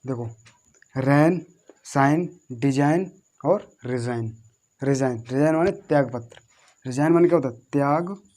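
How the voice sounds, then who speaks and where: A man's voice: mid-range voice, darkish tone. A man teaching a lesson on English spelling, repeating each word and spelling it out letter by letter, asking questions and answering them himself. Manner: repetitive, drills words slowly letter by letter.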